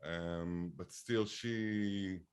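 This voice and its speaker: A film director in his fifties, born in Bulgaria, answering interview questions slowly, with many fillers and restarts. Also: sits low, fairly even intonation, smooth. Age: 50s. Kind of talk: interview conversation.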